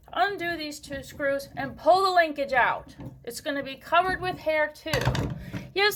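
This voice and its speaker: Shrill high lady doing a slow casual diy explainer, kinda exasperated and sweary, noisy recording. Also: a bit bright. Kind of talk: casual hands-on explainer vlog. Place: indoors in a home bathroom.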